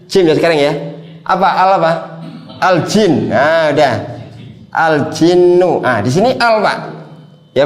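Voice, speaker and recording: Male Arabic teacher, higher voice, patient and repetitive, echoey classroom. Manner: patient, repeats words, prompts students by name. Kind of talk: classroom lesson with students.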